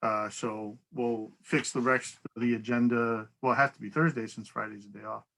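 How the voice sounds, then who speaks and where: A man with a bright, forceful tone runs a town council public hearing over a video call. He lays out the procedures in an easygoing way, with light laughs here and there. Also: mid-range voice, fairly even intonation, normal speed, vocal fry, poor audio. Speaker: council meeting chair.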